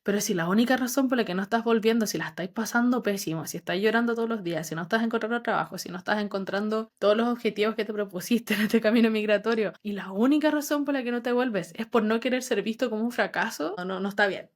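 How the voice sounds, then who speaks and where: A young adult woman with a Chilean accent, a psychologist calmly explaining her views with many asides in a podcast chat. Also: fairly high pitch, fast, few pauses. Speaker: psychologist guest. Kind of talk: casual podcast conversation.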